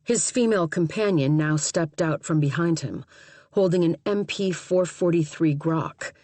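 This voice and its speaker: A woman narrating an audiobook in a measured, even storytelling manner. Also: low-pitched, no room sound. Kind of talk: scripted narration.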